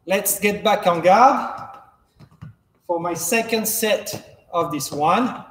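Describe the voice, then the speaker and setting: Young guy coach doing crisp fencing commands, takes it slow, really echoey big room. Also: high-pitched, lively intonation, fairly bright tone, a little hiss or hum. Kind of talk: instructional footwork drill. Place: large indoor fencing hall. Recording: echoey hall, far from camera.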